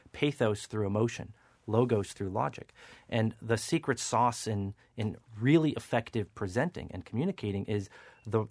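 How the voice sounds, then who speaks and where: A man's voice: lowish voice, dry recording. A man appearing as a speech coach guest on a radio panel, explaining ideas in a teaching, coaching way. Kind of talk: expert radio commentary.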